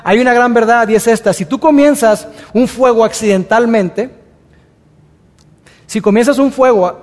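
High-voiced preacher man in a reverberant hall. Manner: conversational preaching, acts out excuses in quick asides. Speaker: pastor. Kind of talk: sermon. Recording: long reverb of a large hall.

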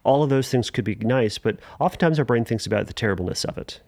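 A man's voice: quick pace, vocal fry, no room sound. Chatty male podcast host, dry sound. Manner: conversational, many restarts and fillers, animated pitch jumps. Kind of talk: casual solo podcast talk.

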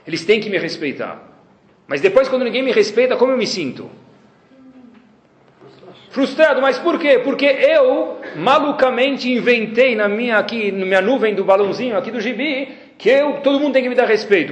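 In a room with noticeable echo, a rabbi with a very high voice speaks a little fast as he lectures his class. He tells anecdotes with animation and performs the dialogues within them.

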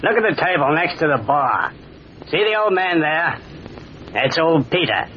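A gloomy, curt pickpocket. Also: male voice, fairly high pitch, normal speed. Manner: terse, flat, unsmiling. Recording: dull old radio recording, faint hiss.

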